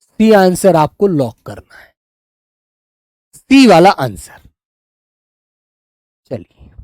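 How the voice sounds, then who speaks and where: A man's voice: high-pitched, darkish tone. A man teaches a live online class, walking his students through quiz answers in a patient, coaxing way. He keeps calling on them and encouraging them as he goes. The sound is dry and close, with no room echo. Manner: coaxing, addresses students as beta.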